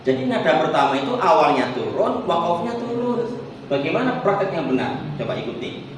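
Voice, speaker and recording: A man leads a recitation class, explaining tune rules and chanting verses for his students to copy. His voice sits high for a man. It is picked up from across a very echoey hall. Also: sing-song, a little hiss or hum. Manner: explains then sings Quranic verses slowly for the group to repeat. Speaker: Quran recitation trainer. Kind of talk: teaching a workshop, demonstrating chanted recitation. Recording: echoey hall, distant mic.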